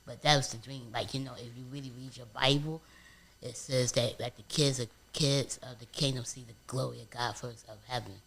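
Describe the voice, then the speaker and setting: A man, a guest on a casual couch interview, telling stories in an animated way with street slang. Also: mid-range voice, brisk, gravelly.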